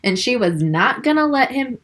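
A woman's voice: fairly high pitch, very animated, moderate pace, fairly bright tone. A woman co-hosting a casual book podcast, reading narration aloud and cracking wry, profane asides. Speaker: podcast co-host.

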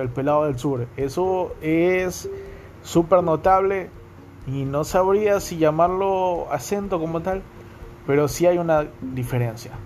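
A man's voice: fairly high pitch, darkish tone. Young male podcaster with a Guayaquil accent, casual and chatty, music faintly underneath. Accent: Guayaquil coastal Ecuadorian. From Guayaquil, Ecuador. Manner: chatty, repeats ¿me entienden?. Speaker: podcast host.

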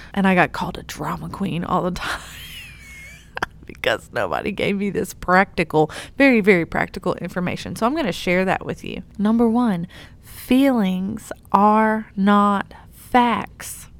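A young adult woman youth pastor giving an earnest, encouraging devotional talk, laughing at herself now and then. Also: on the low side.

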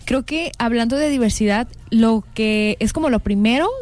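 Mellow-voiced Mexican woman. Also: a little high, moderate pace. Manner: thinks aloud, frequent fillers. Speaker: podcast co-host. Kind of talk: casual panel chat.

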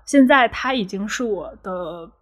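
A woman's voice: medium pitch, expressive, a little slow. A woman in her twenties co-hosting a casual podcast, telling a long story in a rambling, chatty way. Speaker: podcast co-host.

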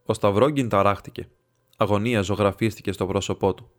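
A man narrating a classic literary story as an audiobook reader, measured and even. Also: lowish voice.

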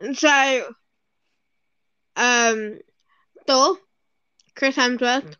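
A woman co-hosting a podcast in casual chat, excitable and fangirling, swearing freely. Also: a little high, very slow, clear, resonant tone, no echo, dull audio. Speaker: podcast co-host.

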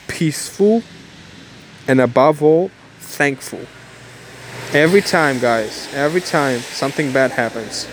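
With a bit of background noise behind his mid-range voice, a nineteen-year-old vlogger rambles through a repetitive, motivational pep talk. He's outside in the cold, keeping things casual.

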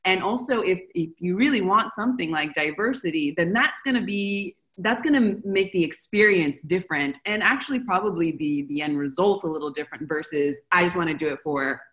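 A woman hosting an interview in a relaxed conversational way. She thinks aloud and reflects, with plenty of fillers. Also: fairly low pitch, brisk, few pauses. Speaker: interview host.

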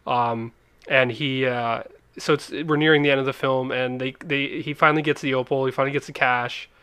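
A man's voice: mid-range voice, fairly even intonation, fairly quick, fairly bright tone, smooth, no room sound. A Canadian man co-hosting a casual chat about a film, rambling and restarting his sentences. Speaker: podcast co-host.

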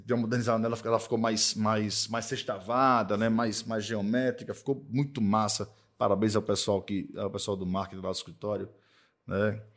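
A man's voice: fairly low pitch, flat delivery, a little fast. Guy chatting on a podcast, emphatic, keeps repeating himself and tossing in little checks like "right?". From Northeast Brazil. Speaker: accounting firm owner, podcast guest. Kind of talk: casual podcast conversation.

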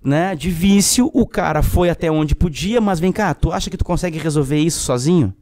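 A man's voice: a little high, fairly quick, no echo. Frank southern Brazilian man in his forties. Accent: southern Brazilian Portuguese. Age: 40s. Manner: animated, frank storyteller. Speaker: podcast guest, public defender. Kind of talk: casual storytelling.

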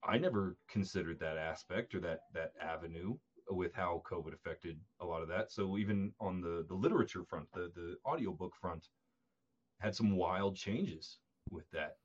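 A very deep-voiced man co-hosting a casual podcast as an author. He speaks thoughtfully and hesitantly, often repeating words. His audio sounds dull and lo-fi. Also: moderate pace, slightly rough. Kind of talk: casual chat.

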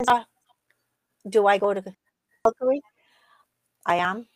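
A woman's voice: medium pitch, unhurried, dry recording. Woman co-host on a glitchy video call, choppy audio with cut-off endings, dry sound. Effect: choppy internet audio with cut-off endings. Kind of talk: casual chat over a video call.

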